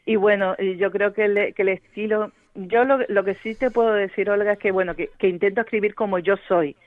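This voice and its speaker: Over a dry, tinny, phone-like line, a novelist from Gran Canaria, Spain, responds to a radio interviewer with care. Her mid-range voice is steady and fairly quick on a dry recording, and she often uses fillers and restarts her sentences.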